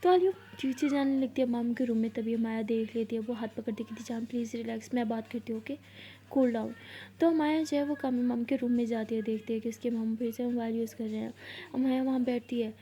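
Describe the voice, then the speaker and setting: A woman telling a story in a loose, chatty way, her voice sitting a little high. The tone is mellow and soft-edged rather than bright. She moves through the scenes like she is recounting them to a friend. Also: fairly even intonation, dull audio. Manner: conversational, loosely paced retelling. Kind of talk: casual storytelling narration.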